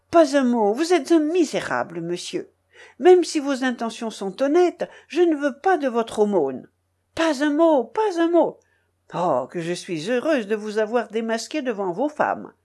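A woman reading an audiobook and voicing a furious young tutor who shouts in shrill, rising outbursts. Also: big pitch swings, normal speed, hardly any pauses. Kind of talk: audiobook character voice.

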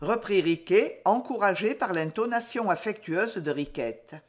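A woman narrating a story in a measured, expressive audiobook style. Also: mid-range voice.

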